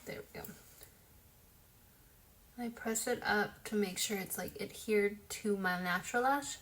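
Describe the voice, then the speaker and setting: A woman's voice: medium pitch, unhurried, fairly bright tone, slight background noise. Chatty young woman doing a makeup tutorial. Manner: chatty, self-deprecating, talks while working. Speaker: makeup vlogger. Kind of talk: casual tutorial chat.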